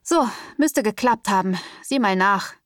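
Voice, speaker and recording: A woman voicing a calm, cocky young man who talks in an easygoing, smug, soothing way. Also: mid-range voice, measured pace, dry recording, studio quality, distant mic, lightly acted.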